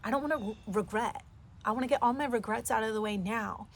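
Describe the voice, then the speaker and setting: Fast and fairly high-pitched, with a little hiss or hum on the recording, this young woman in her twenties rambles through an earnest motivational monologue on her own podcast, saying "like" and "you know" constantly.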